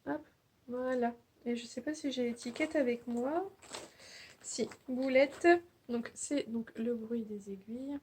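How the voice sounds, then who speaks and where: A woman's voice: fairly high pitch, measured pace, darkish tone, husky. A young woman hosting a knitting podcast, chatting casually and hesitantly, with many fillers and restarts. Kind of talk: casual show-and-tell chat.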